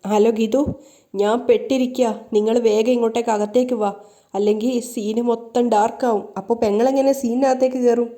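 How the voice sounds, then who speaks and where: A woman's voice: a little high, steady tone, brisk, warm tone, close to an everyday voice. A woman reading an easygoing young man.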